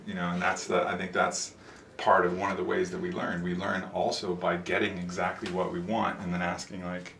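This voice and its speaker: A man's voice: low voice, brisk, gravelly. A man in his thirties talking casually and reflectively, earnest and philosophical. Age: 30s. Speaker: interviewee, show host. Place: small sauna. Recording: echoey room with steady background noise.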